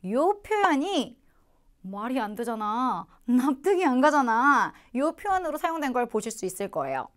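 A Korean woman teaching English phrases to learners, explaining patiently and modeling English phrases slowly. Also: high voice, sing-song.

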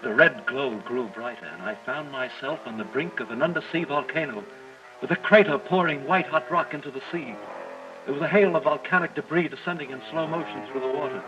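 A man's voice: mid-range voice, dull audio, lightly acted. A man playing a learned, awestruck professor who narrates his voyage in an old radio drama, earnest, descriptive and theatrical. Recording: old radio recording with loud music.

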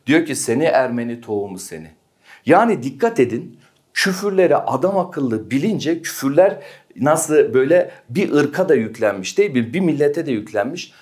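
A man's voice: on the high side, darkish tone. A man teaching an exam-prep history lesson, often asking his students questions and answering them himself.

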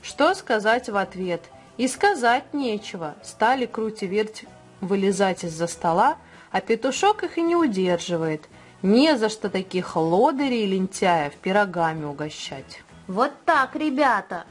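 A woman reading a children's bedtime fairy tale aloud and hosting the channel, slow, expressive and kindly. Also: medium pitch, slightly rough, soft background music. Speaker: storyteller and channel host.

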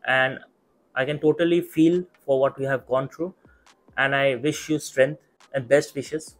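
A young adult man with an Indian accent giving earnest, measured and reassuring advice straight to camera. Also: medium pitch, steady tone. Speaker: YouTube mentor for medical exam students. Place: small indoor study room. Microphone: clip-on lapel mic.

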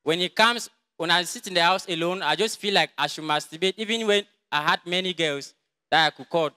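In a large, crowded church, a young man with a high-pitched voice and a Cameroonian English accent gives a quiet, halting testimony as a church member. Someone else holds the handheld mic he speaks into.

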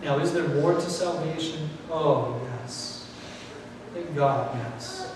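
A middle-aged man preaching a sermon in a church, animated, acting out what people think. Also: a little high, slow, noisy background. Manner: animated, gesturing while preaching, acts out quoted thoughts. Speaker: pastor. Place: church sanctuary, indoors. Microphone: far camera, no mic worn. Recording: echoey hall from far off.

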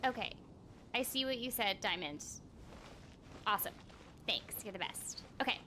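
A young woman game streamer keeps up casual, playful talk aimed at both the characters and her viewers, her mid-range voice animated, bright and pushed at a normal speed. Game music sits behind her along with slight background noise.

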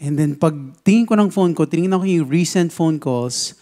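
A pastor with a Filipino accent preaching a sermon, telling a lively story and switching between Tagalog and English. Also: on the high side, fairly quick.

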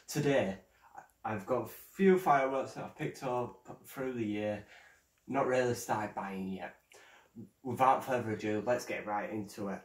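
A man's voice: fairly low pitch, measured pace, roomy sound, far from the mic. A man presenting his own vlog in a casual show-and-tell way, hesitant and stumbling like a first-timer. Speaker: fireworks vlogger.

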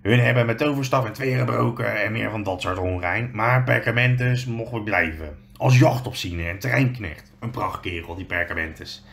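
A man voicing a huge, gruff but good-natured male giant gamekeeper in a low, rumbling, rough-spoken way. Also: moderate pace, hardly any pauses, fairly bright tone. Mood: rueful.

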